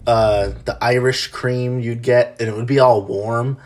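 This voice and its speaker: A man hosts a casual podcast chat at an ordinary, middle pitch. He talks loosely, full of fillers, and laughs easily. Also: steady tone, unhurried, a little mellow. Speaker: podcast host.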